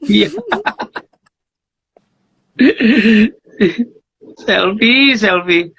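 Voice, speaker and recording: High, bright-voiced man chatting playfully. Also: very slow, slightly rough, low-quality recording. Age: 30s. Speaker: guest musician on a live stream. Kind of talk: casual live-stream chat. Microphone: phone on a live video stream.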